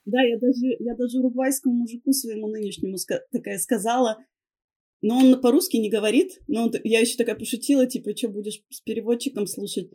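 Candid woman with a mellow, husky voice. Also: fairly high pitch, steady tone, fast. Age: 30s or older. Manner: candid, self-mocking, colloquial swearing. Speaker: podcast guest. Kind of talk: casual confessional storytelling.

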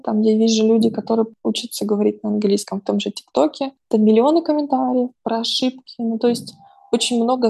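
A woman with a fairly high, gravelly voice and a dark tone chats casually at home. She is a psychologist and podcast host, reflecting and thinking aloud with frequent fillers in a relaxed conversation.

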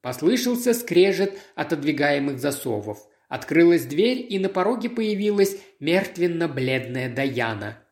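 An audiobook reader giving a measured, dramatic scripted narration of a detective story. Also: mid-range voice, very animated, a little mellow. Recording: roomy echo.

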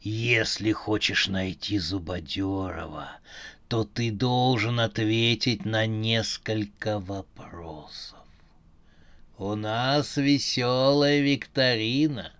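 A man reading a story aloud, voicing a calm, mysterious phone caller with an artificial, metallic, robot-like voice. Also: on the low side, dry recording, voice pushed down. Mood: eerie calm. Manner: slow, eerily calm quizzing. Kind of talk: audiobook narration with voiced characters.

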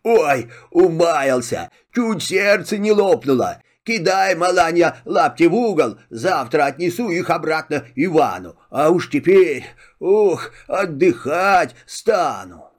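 A man voicing a frightened peasant who stole magic shoes and shouts for help. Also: on the high side, lively intonation, slow pace. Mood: exhausted. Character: frightened male peasant thief, ashamed.

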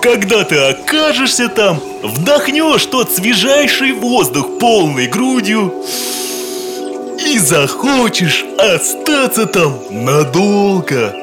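A kindly, dreamy chef from a children's audio story, as played by an actor. The delivery is slow and affectionate with a very lively melody, over clear background music. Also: mid-range voice. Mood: fond, dreamy. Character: kindly chef, caring and dreamy food lover.

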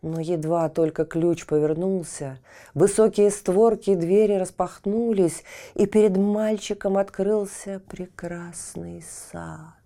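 A woman narrating a fairy tale for a children's audiobook in a gentle, unhurried way. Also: fairly low pitch, fairly even intonation. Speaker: storyteller.

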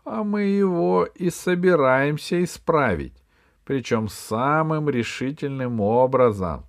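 A man voicing a fat, pompous male priest of oblivion who speaks slowly and with false piety. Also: medium pitch, vocal fry, no room sound, clean studio sound, pitched above the performer's own voice. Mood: smug.

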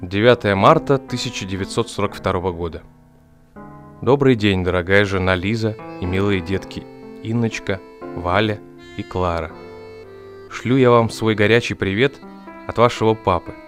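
A man's voice: lowish voice, normal speed, natural voice. A man playing a tender, resolute Soviet soldier father in a dramatised reading of his wartime letter home, earnest and simple. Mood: tender, wistful. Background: guitar music.

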